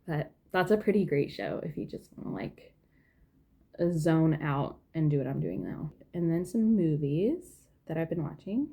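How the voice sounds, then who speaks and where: A woman's voice: low-pitched, a little slow, creaky, warm tone, husky. A young woman chatting casually at home while knitting, rambling with lots of fillers. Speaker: knitting vlogger. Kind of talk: casual chat.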